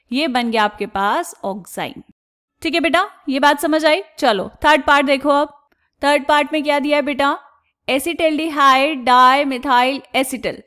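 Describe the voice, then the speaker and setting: A woman teaching chemistry step by step, asking questions and answering them herself, and drawing out technical terms slowly. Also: sits high, fairly bright tone, clean tone. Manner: asks the class questions and answers them herself, calls students "beta"; slows down and stretches out technical terms. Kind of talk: explaining step by step on a board.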